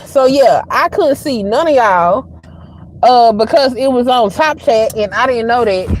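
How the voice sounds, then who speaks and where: A woman's voice: fairly high pitch, lively intonation, measured pace, a little hiss or hum. Sassy Southern woman chatting on a livestream. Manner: chatty, sassy, talks straight to viewers. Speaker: livestream host. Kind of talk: casual livestream chat.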